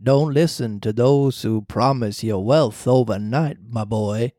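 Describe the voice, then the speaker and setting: A podcast reader voicing the faint, grave ghost of an old talking cricket in a storybook reading, slow and measured. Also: mid-range voice, warm tone, dry recording, studio quality, voice pushed down, lightly acted.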